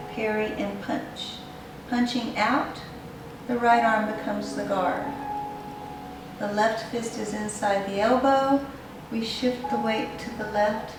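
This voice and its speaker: A woman leading guided tai chi as an instructor, giving step-by-step movement directions in unhurried, measured phrases. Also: mid-range voice, background noise. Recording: very echoey room, distant mic, music behind.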